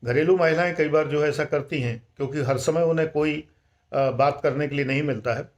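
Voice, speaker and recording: An older man giving calm, measured life-management advice and mixing in English words. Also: on the high side, dull audio.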